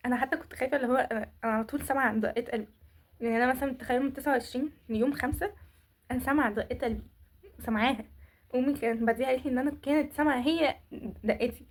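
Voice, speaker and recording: A woman's voice: sits high, steady tone, racing. A teenage girl with an Egyptian Arabic accent chatting casually to her viewers, rambling candidly through a personal story with lots of restarts and fillers. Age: teens. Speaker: vlogger. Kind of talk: casual chat to camera.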